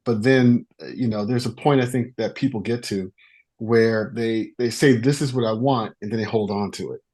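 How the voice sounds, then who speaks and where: Calm man musing on life philosophy. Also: fairly low pitch, normal speed. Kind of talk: reflective casual talk.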